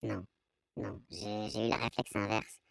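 A man with a Belgian French accent giving a hesitant, explanatory testimony, his voice artificially pitched down to disguise it. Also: flat delivery, unhurried, vocal fry, fairly bright tone, no echo, clean studio sound. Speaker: anonymous interviewee giving testimony. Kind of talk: personal testimony in an interview.

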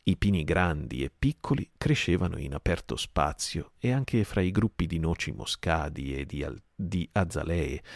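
Low gravelly man reading a calm story. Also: dry recording, clean studio sound. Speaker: audiobook reader. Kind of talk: soporific audiobook narration.

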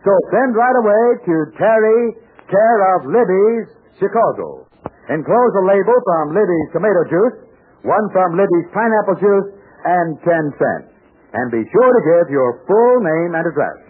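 A male American old-time radio announcer with a fairly high, husky voice. He reads his script with emphatic, folksy salesmanship and swings expressively in pitch. The sound is that of an old radio transcription. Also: big pitch swings, normal speed. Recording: muffled, band-limited old radio transcription.

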